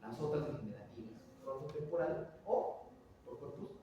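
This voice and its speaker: A middle-aged man giving a classroom lecture, animated and quizzing his students with rhetorical questions. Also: a little high, moderate pace, lo-fi sound, background noise. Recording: echoey hall, voice from far off.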